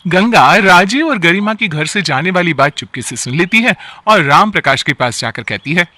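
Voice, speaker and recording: A man's voice: high-pitched, expressive, moderate pace, pushed and bright, no echo. A man narrating a storybook tale in a plain storytelling manner.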